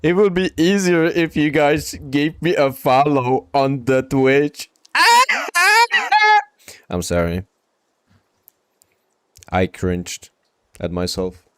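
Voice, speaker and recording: Very slow and smooth, his voice on the high side, this man from Czechia streams a game live and talks casually with viewers in a Czech accent. He reads their messages out, mumbles brief asides, and repeats short phrases in a relaxed way; the recording is dry, with a clean studio sound.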